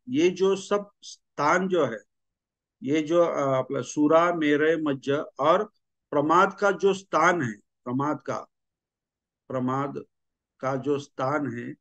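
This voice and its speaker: A man teaching a grammar lesson, explaining slowly and repeating himself, with frequent fillers. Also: fairly high pitch, dry recording. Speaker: language teacher.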